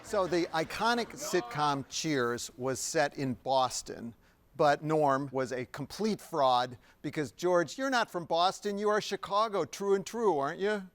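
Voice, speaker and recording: A man's voice: on the high side, measured pace, a bit bright. A man hosting a quiz show, reading questions and narrating in a jokey, playful way with frequent laughs. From Evanston, Illinois.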